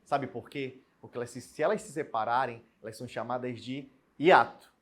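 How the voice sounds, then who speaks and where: A man teaching a recorded Portuguese lesson, explaining step by step and spelling out example words slowly. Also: medium pitch, fairly bright tone. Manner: explains step by step, asks students questions and answers them.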